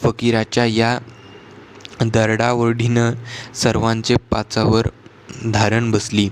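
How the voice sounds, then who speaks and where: A man reading a novel aloud as an audiobook narrator, in a measured way with small restarts. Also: on the low side, completely flat delivery, slight background noise.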